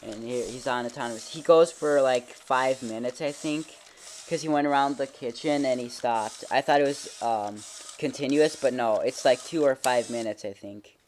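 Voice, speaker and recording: In a carpeted living room at home, a toy reviewer demonstrates a robot toy hands-on, speaking haltingly and informally and often trailing off in a medium-pitched, darkish voice. The handheld camera they hold makes for a noisy home video full of mechanical clicking, with the toy's motor whirring and clicking in the background.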